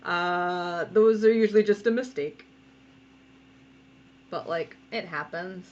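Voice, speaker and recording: A woman's voice: fairly low pitch, takes it slowly, lo-fi sound, a little hiss or hum. A woman cartoonist giving a casual drawing tutorial from home, chatty and giggly, often breaking off to scold her cats. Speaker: cartoonist teaching a draw-along.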